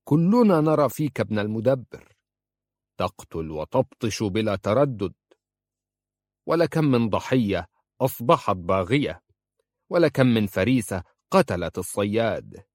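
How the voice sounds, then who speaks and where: A man voicing an older judge and father, proud and stubborn, speaking in a stern, measured way. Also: on the low side, animated, darkish tone, no echo, clean studio sound.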